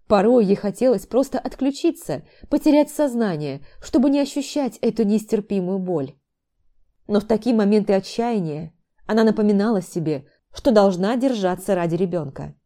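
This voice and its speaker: A woman narrating an audiobook in a calm, even delivery. Her tone is mellow and dark, at a middle pitch. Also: normal speed.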